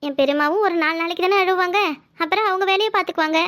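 A woman's voice: extremely high pitch, quick pace, a bit bright. A woman with a Kanyakumari Tamil accent voicing a stubborn, devoted young woman in a cartoon, earnestly brushing off worry.

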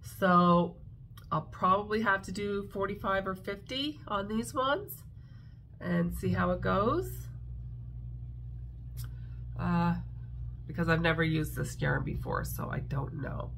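A woman's voice: mid-range voice, lively intonation, slow, vocal fry, long pauses, fairly bright tone, a little hiss or hum. A woman with a congested, stuffy voice, chatting casually as she shows her crafts and thinks aloud. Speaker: craft vlogger. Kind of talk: casual show-and-tell chat.

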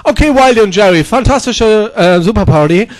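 A high-pitched man in a crude comedy sketch. He barks abrasive insults and drops English slang between his words. He stretches his catchphrases into long, drawn-out shouts. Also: lively intonation. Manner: repeats catchphrases in a drawn-out yell. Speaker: comedy character performer.

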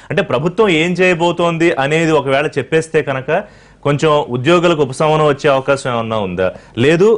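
A man with a Telugu accent moderating a TV news debate, asking probing questions and mixing English words into his speech. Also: medium pitch. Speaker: TV debate anchor.

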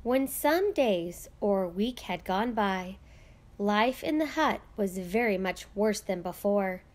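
A woman narrating a children's picture book aloud with slow, expressive storytelling. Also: medium pitch.

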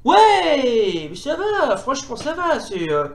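A man commentating excitably as he plays a retro fighting game, often exclaiming and repeating himself. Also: extremely high pitch, moderate pace, reverberant. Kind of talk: playing while commentating.

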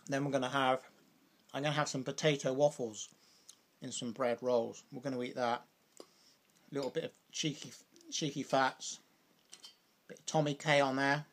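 A man's voice: medium pitch, fairly even intonation, moderate pace, pauses often. A young British man vlogging over a meal, rambling casually with lots of "like" and "you know". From Britain. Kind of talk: casual chat while eating.

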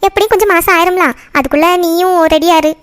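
A woman voices a comforting cartoon grandmother whose voice sits very high and rushes quickly. She steadies the family with reassurance, not scolding. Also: a bit bright. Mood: reassuring.

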